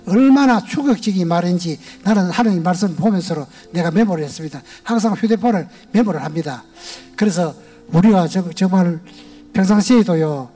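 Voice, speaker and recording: This older man speaks in a Gyeongsang Korean accent, his warm voice sitting high as he delivers a folksy personal testimony. He's a retired church elder addressing a congregation in a large sanctuary.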